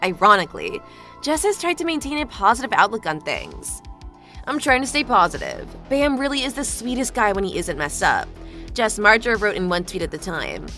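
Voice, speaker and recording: Bright-voiced woman narrating celebrity news. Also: mid-range voice, wildly swooping pitch, a little fast, soft background music.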